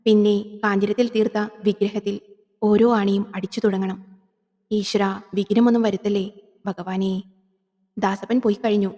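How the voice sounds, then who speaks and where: A woman's voice: mid-range voice, level tone, normal speed, long pauses, mellow, big-room sound, close to an everyday voice. A woman voicing a stern older male priest performing a ritual in a horror audio drama, speaking in a grave, commanding way.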